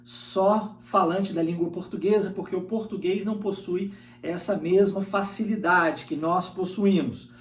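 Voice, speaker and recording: A man's voice: sits high, steady tone, a little slow, echoey room, distant mic. A Brazilian man teaching English in a video lesson, explaining at length and checking in with the viewer through tag questions.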